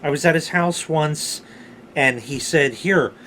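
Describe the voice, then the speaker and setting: A middle-aged man telling rambling personal stories casually, with animated, salty emphasis on key words. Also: a little high, measured pace, slight background noise. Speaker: storyteller, vlog host.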